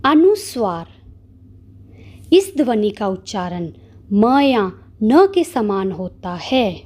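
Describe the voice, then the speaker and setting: A woman teacher speaks with a very unhurried, measured delivery, her pitch rising and falling with lively emphasis. She pauses after each sound and example word as she spells them out for the class. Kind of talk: school grammar lesson. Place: school.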